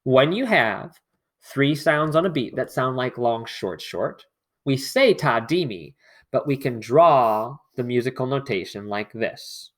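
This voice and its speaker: A man's voice: medium pitch, animated, unhurried. A man teaching an online music lesson, explaining patiently and singing rhythm syllables.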